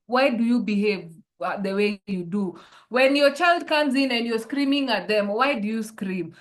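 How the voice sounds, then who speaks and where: A woman with a somewhat high voice speaks as a life coach in an online workshop. She poses reflective questions to her listeners. She is heard over a video call.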